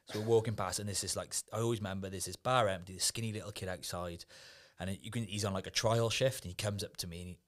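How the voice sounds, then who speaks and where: Man, podcast guest, lowish voice, laddish, swearing, casual storytelling. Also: steady tone, fast talker, few pauses, fairly bright tone. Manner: laddish, swears freely, laughs through stories. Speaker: podcast guest, former Ibiza events worker.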